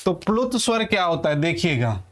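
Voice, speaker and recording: A man with a high voice teaches Hindi grammar in a lesson. He poses questions to his students and answers them himself, and he dictates definitions slowly, word by word, as he writes. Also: big pitch swings, fairly bright tone. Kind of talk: classroom-style grammar lesson.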